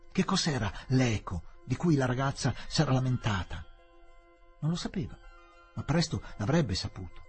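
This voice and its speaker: A man reading a novel aloud for radio in a measured, expressive manner. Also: medium pitch, slightly rough. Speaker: audiobook reader.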